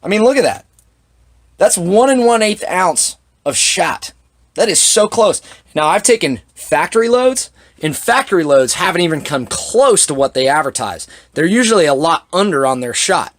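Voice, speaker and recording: Guy showing off his reloading setup, plain talk, bit of a higher voice, dry sarcasm now and then. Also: big pitch swings, moderate pace. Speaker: shotgun reloading demonstrator. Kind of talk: hands-on equipment demonstration.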